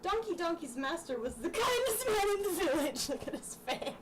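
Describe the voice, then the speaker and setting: A young woman, an amateur vlogger, reads her childhood books aloud in a casual, chatty manner and keeps breaking into giggly asides. Her voice is very high with big swings in pitch, and she talks fairly quickly. The mic sits at a distance, so background noise comes through clearly.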